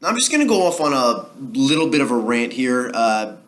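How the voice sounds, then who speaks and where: A man's voice: medium pitch, big pitch swings, brisk. Rambling argumentative man with Jersey accent. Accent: New Jersey. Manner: rambling, argumentative, with frequent ums and restarts. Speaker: political commentary vlogger. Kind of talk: casual solo commentary.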